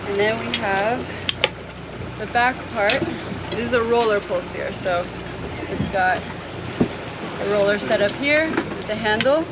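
A woman in her thirties giving a relaxed, step-by-step how-to demonstration on an open boat, filmed with an action camera. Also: mid-range voice, a little slow, long pauses. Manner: relaxed, step-by-step explaining with fillers like "like" and "so". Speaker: spearfishing vlogger. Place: open boat deck on the sea, outdoors. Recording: action camera with loud wind and sea noise. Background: loud wind and water noise.

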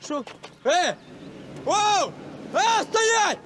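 A jumpy, superstitious highway cop yelps in a very high, strained voice and mixes Russian words into his Ukrainian. The take is outdoors by a road, with clear noise behind it. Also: sing-song, very slow, exaggerated voice. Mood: baffled. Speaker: traffic police officer. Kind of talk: comedy sketch acting.

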